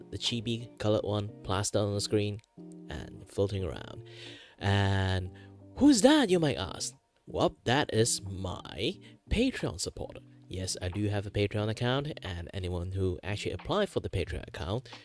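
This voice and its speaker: A low-pitched male livestream host with very lively, swinging intonation. He chats casually in a rambling, hesitant, self-deprecating way while guitar music plays behind him. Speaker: livestream host, virtual streamer. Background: background music with guitar.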